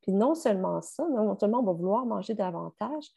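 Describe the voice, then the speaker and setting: Québécois woman explaining stuff on a podcast, kinda gravelly, lots of euh. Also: mid-range voice, a little fast. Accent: Québécois French. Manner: explanatory, steady, many fillers. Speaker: sleep expert guest. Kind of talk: podcast conversation.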